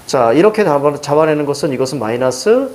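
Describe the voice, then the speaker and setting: A middle-aged male teacher leads an exam-prep literature lecture. His voice sits a little high and leaps up and down as he talks, and he keeps throwing quick questions at his students. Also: lively intonation, a little mellow, slight background noise.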